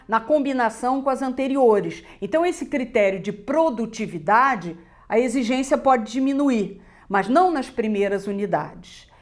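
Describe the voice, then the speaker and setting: A middle-aged woman with a Brazilian Portuguese accent explaining literacy teaching, measured and emphatic, checking in with "né?". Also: fairly high pitch. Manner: measured, emphatic, lists points with repeated "né?". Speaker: literacy teacher presenting a textbook.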